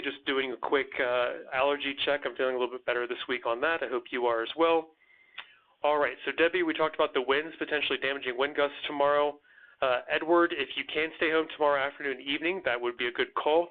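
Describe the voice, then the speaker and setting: A man hosting a live weather Q&A, answering viewer comments in an earnest, slightly stammering way with plenty of fillers. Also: medium pitch. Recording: tinny phone-like audio.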